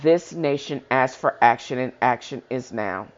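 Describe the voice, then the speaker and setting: Expressive and medium-pitched at a moderate pace, a reading-show host reads a historical speech aloud while adding informal commentary. They stumble now and then and correct themselves, and the recording sounds dull and lo-fi.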